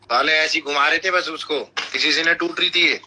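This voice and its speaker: A man's voice: a little high, steady tone, normal speed, pushed and bright, a little hiss or hum, rough recording. A man on a live stream, backing up his friend with short replies and jokes. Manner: short agreeing replies, joking. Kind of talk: casual live-stream chat.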